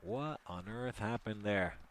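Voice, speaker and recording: A man's voice: fairly low pitch, slow. A man doing live play-by-play commentary, chatty and partisan, joking with listeners as the action unfolds.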